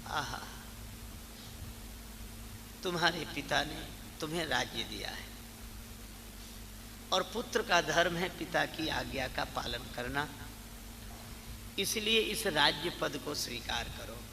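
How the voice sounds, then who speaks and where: A middle-aged man giving a devotional sermon, chanting verses and letting his voice swell for emphasis before dropping low. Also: lively intonation, slow pace, long pauses. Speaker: religious storyteller. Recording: long hall reverb with faint noise.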